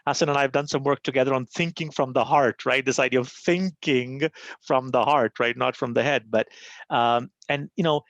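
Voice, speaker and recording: Gravelly-voiced man moderating a panel. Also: mid-range voice, fairly even intonation, moderate pace, fairly bright tone, no echo, highs cut off. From Pakistan. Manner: conversational, frequent "right?" and "you know" tags. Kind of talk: live panel discussion.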